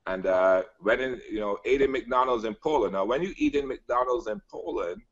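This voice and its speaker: A man from Barbados giving an emphatic sales pitch as a guest, repeating phrases and filling pauses with "you know" and "uh". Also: fairly bright tone. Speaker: guest business presenter. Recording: dull lo-fi audio.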